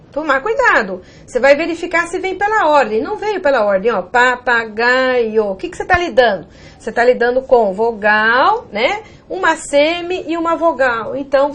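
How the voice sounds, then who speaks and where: A woman with a Brazilian Portuguese accent teaching a grammar video lesson for exam prep. She walks through examples one by one and keeps checking in with "ok?" and pointing the viewer to the board. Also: high-pitched.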